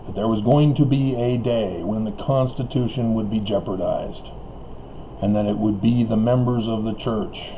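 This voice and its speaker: This rough recording, carrying a little hiss or hum, captures a warm, lowish male voice. The speaker, an online video commentator, wanders through a monologue on his own, laughing often, hesitating with many fillers and restarts, and coughing as his voice gives out.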